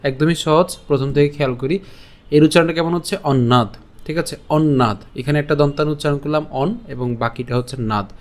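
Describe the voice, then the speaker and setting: A young man teaching an online lesson, slowly explaining the pronunciation of a verse syllable by syllable and often checking that listeners follow. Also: a little high, fairly even intonation. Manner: slow, careful syllable-by-syllable explanation with frequent check-ins. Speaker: Sanskrit recitation teacher.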